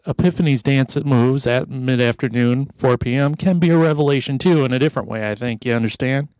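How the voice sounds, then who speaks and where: A man's voice: mid-range voice, fairly quick, darkish tone, no echo. A middle-aged man hosting an improv comedy podcast, rambling along in a jokey, mock-sentimental way. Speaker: podcast host.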